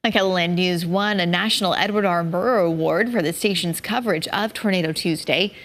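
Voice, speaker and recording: A woman's voice: on the low side, fairly quick, a bit bright. American woman presenting the news. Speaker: news anchor.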